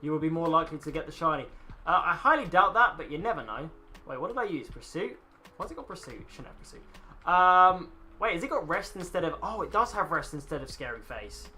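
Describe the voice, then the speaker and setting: Very animated and a little fast, his slightly high voice sounds pushed and bright. He's a man in his twenties live-streaming a game, rambling chattily, swearing casually and addressing his chat.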